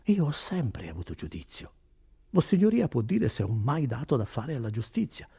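A man's voice: medium pitch, huge pitch swings, normal speed, creaky, warm tone, husky, heavily acted. A man voicing a nervous innkeeper who answers in an evasive, fussy way, his voice raised.

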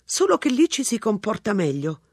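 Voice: medium pitch, sing-song, normal speed, husky, dry recording, clean studio sound, pitched above the performer's own voice. An audiobook reader voicing a prim, pedantic young police constable who explains things in a lecturing tone.

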